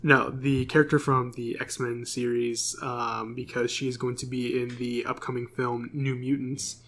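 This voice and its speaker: A man's voice: medium pitch, level tone, measured pace, a bit bright. A man co-hosting a podcast, casually reading through corrections with plenty of fillers. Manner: reads corrections from notes, many fillers. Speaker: podcast co-host. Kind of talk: casual chat.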